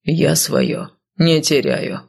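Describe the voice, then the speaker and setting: A woman voicing a grim, emotionless undead northerner in an audiobook, speaking in a flat, grumbling way. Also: sits low, drawn-out words, gravelly, breathy edge, pitched below the performer's own voice, full character voice. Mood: gruff. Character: cold lazy undead northern man, grim. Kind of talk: audiobook character voice.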